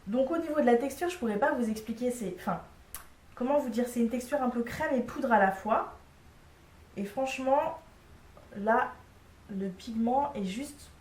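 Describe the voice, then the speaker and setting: A woman's voice: a little high, darkish tone, distant mic. A young woman casually reviewing makeup products, chatty and frank, with lots of fillers. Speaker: beauty vlogger. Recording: echoey room, a bit off-mic.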